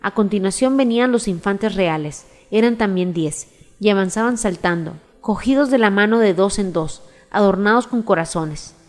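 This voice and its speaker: A woman narrates a storybook in a measured, expressive way at an ordinary middle pitch. Faint music plays softly behind her reading. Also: long reverb tail. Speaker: audiobook narrator.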